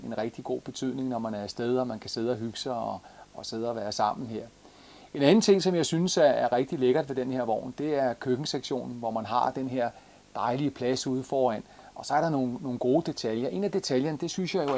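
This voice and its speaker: A man's voice: mid-range voice, gravelly. A man in his forties with a Jutlandic Danish accent, casually showing a caravan from inside, with many fillers and restarts. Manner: relaxed, many fillers and repeats. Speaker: caravan reviewer. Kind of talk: casual product walkthrough.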